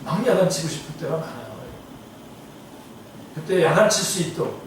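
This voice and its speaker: A man's voice: fairly high pitch, animated, normal speed, slight background noise. A man teaching an afternoon Bible study as a pastor, speaking in an earnest, exhorting way. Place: church sanctuary. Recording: echoey church hall from a distance.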